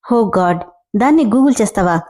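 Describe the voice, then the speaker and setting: Young male boss, joking, teasing, woman reading, mellow voice. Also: fairly high pitch, lively intonation, unhurried.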